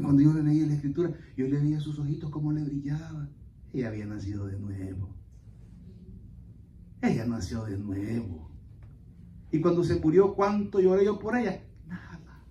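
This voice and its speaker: A man preaching a sermon as pastor, telling folksy stories to his congregation and breaking into loud exclamations. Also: a little high, lively intonation, moderate pace, long pauses, dull audio. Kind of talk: Spanish-language church sermon. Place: church sanctuary. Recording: echoey church hall, mic at a distance.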